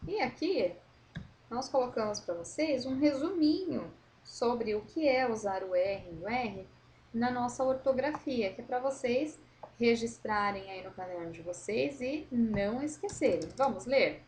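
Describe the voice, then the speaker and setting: A woman teacher correcting a worksheet for young pupils, slowly modelling words and explaining patiently. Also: fairly high pitch, lively intonation, darkish tone, slight background noise. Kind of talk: correcting a school worksheet for children.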